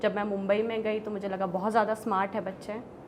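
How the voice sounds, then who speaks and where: A woman teacher telling classroom stories in a relaxed conversational way, mixing Hindi and English and laughing often. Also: medium pitch, a little fast, a little hiss or hum. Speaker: zoology teacher. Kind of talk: conversational storytelling.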